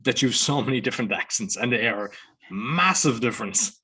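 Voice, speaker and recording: Irish man, cork accent, podcast host, relaxed, rambling questions. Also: medium pitch, normal speed, husky. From Ireland. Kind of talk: casual podcast interview.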